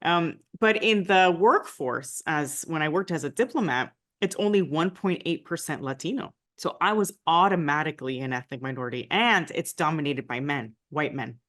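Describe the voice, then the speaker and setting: Her voice sits low but is expressive and fairly bright, moving at normal speed with hardly any pauses. She's a Nicaraguan American former diplomat, from the United States with family from Nicaragua, sharing her story in a conversational interview and often saying "right?"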